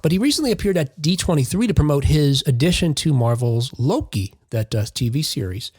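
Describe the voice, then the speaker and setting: A man co-hosting a casual podcast chat, relaying entertainment news as an animated storyteller. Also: on the high side, fairly quick, breathy edge, dry recording, studio quality. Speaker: podcast co-host.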